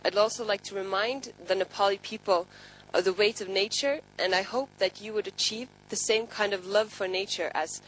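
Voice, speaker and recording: Earnest Finnish-accented woman, panel speaker, mid pitch, light background hiss. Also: normal speed, fairly bright tone, low-quality recording. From Finland. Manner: earnest, advising. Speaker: youth party international officer. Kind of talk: panel statement.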